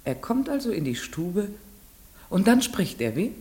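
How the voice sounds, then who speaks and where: An actress playing a village schoolteacher in a German radio play, strict but patient, questioning and shifting between command and soft coaxing. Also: female voice, mid-range voice, big pitch swings, unhurried. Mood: gentle, probing.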